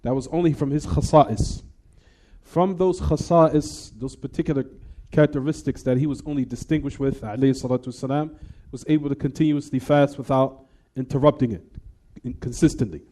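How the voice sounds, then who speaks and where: A mid-range, mellow male voice, a little fast, belongs to an Islamic teacher giving a hadith lesson. He explains in English, recites Arabic, and regularly checks students with "what?" questions.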